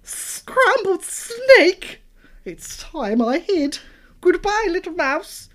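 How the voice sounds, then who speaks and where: Slinky storybook snake played by a woman, luring, drawn-out, slow, animated. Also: on the high side, voice pushed up. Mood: alarmed.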